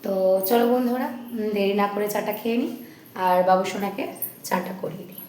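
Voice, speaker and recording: A woman with a hoarse voice talks through her day in a casual home vlog, breaking off now and then to talk to her baby. Her voice sounds echoey, with a faint hiss in the background. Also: medium pitch, brisk, a little mellow. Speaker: vlogger.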